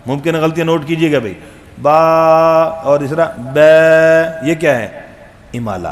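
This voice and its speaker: A man teaching a Quran recitation lesson, quizzing the students and calling out letter sounds loud and long. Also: fairly high pitch, expressive. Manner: drills letters aloud, loud and drawn out; asks students questions, jokes. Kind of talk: classroom tajweed lesson.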